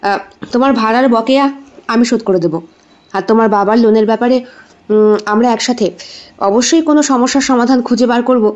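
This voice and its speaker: A woman's voice: on the high side, fairly quick, pauses often, darkish tone, natural voice. A woman voicing a caring young male doctor in an audio story, earnest and reassuring. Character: young man, caring doctor, devoted suitor. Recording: dull lo-fi recording.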